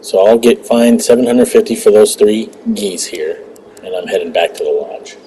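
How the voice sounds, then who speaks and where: Low, mellow-voiced man explaining gameplay. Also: normal speed, slight background noise, rough recording. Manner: relaxed, rambling, restarts words often. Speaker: gaming channel host. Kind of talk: casual gameplay commentary.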